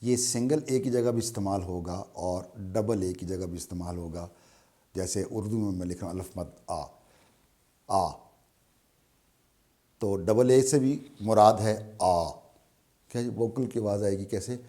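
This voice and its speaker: A man with a Pakistani Urdu accent teaching a beginner language lesson, slow and patient, repeating each sound many times. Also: fairly low pitch, warm tone.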